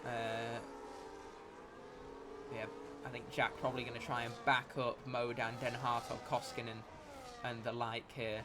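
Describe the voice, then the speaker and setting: A man giving live motorsport commentary as a race commentator, with an excitable delivery that rises at incidents. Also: mid-range voice, measured pace, pauses often, background noise.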